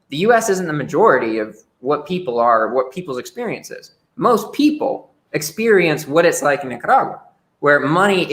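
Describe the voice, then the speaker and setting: A man's voice: mid-range voice, fairly bright tone. A young man talking frankly as a podcast guest, often repeating words as he starts a sentence. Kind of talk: casual interview chat.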